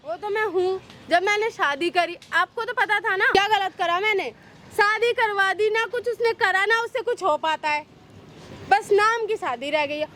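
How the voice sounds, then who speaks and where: Brazen young daughter-in-law, played by a woman, very high voice. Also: moderate pace, bright, forceful tone, slight background noise. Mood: defiant, mocking. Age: young adult. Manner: taunting, mocking, unashamed. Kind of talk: street social skit acting.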